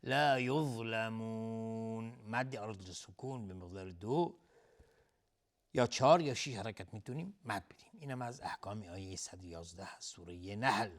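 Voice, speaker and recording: A man teaching Quran recitation on a television lesson. He explains the pronunciation rules briskly, chants the verses slowly and melodically, and repeats single sounds again and again as a drill. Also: on the low side. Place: TV studio.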